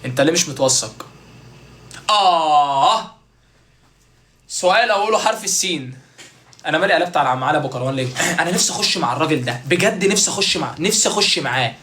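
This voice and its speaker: Egyptian man, playful comic creator, fairly high voice, crisp and bright. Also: lively intonation, racing, a little hiss or hum. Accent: Egyptian Arabic. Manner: joking, playful, mimics street vendors. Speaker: content creator. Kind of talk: comic casual monologue.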